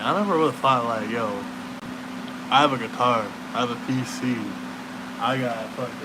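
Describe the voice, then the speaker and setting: A young man rambling in a casual, laid-back stoner way, with slangy, profane talk that trails off and circles back. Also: medium pitch. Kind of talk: casual late-night chat, rambling. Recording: clearly noisy room hum.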